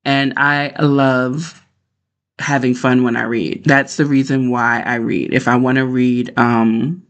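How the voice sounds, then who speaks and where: A man chatting informally as a book livestream host, talking in a rambling, conversational way. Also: medium pitch. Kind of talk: casual livestream chat.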